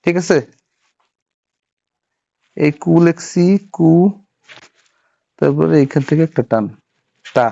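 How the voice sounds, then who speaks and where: A man's voice: fairly high pitch, slow pace, creaky, pauses often, warm tone. A man teaching a Japanese writing class, patiently walking through each stroke step by step and checking that students follow. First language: Bengali. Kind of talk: classroom lesson. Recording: dull lo-fi sound.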